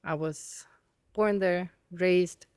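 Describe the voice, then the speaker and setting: A woman's voice: lowish voice, steady tone, very slow, darkish tone, clean tone, dry recording. A woman from southern Russia with a Russian accent, a podcast guest giving short, dry, blunt answers in casual chat.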